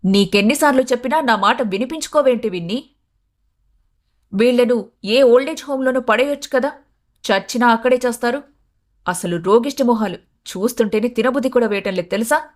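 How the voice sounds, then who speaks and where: Storybook figure: scornful young wife, irritated and sharp, read by a woman. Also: fairly high pitch, a little fast, pauses often, close to an everyday voice. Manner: sneering, irritated.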